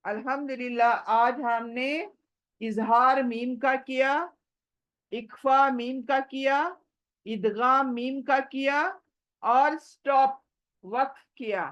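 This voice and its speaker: Woman, recitation teacher, high voice, unhurried, quizzes and repeats. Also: a bit bright. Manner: slow, drills words with repeated questions and answers; spells sounds letter by letter. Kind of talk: online class lesson.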